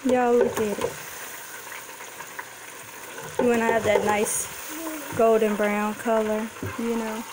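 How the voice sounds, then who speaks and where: A woman's voice: fairly high pitch, little pitch movement, slow, long pauses, background noise. A young woman chatting casually through a home cooking tutorial, filming on a handheld phone in her kitchen. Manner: chatty, addresses viewers as y'all and guys. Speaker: cooking vlogger. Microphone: handheld phone camera.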